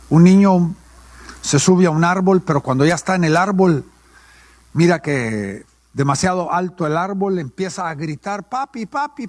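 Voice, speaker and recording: A male pastor delivers a sermon in a call-and-response style, posing questions and then answering them himself. His voice sits high, with no echo.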